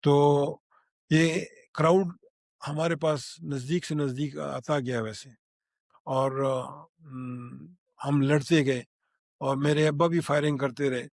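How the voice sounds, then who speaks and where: An older man tells what he saw in a halting spoken recollection, full of restarts and pauses. His voice sits fairly high for a man. The recording is close and dry, with no room sound. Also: fairly even intonation, creaky, no echo. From Pakistan. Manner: halting, with many restarts and fillers. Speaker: eyewitness.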